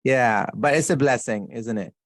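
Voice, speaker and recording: A man hosts a podcast interview in a friendly, affirming way. His voice sits at a middle pitch. The recording is dry and close, with no room sound. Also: moderate pace, no echo. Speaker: podcast host. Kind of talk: casual interview talk.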